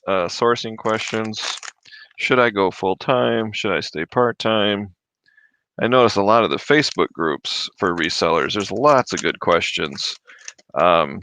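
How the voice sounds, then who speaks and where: A man from Michigan hosts a casual livestream at home, reading out viewer comments and chatting through their questions. His voice sits low but has a bright, forceful edge. The desk mic gives a dry, close sound. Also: creaky, dry recording, poor audio. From Michigan, USA. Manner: chatty, reads viewer comments aloud, chews while talking. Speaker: livestream host answering reseller questions. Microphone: desk microphone. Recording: dry close mic, drops off when mic moved away.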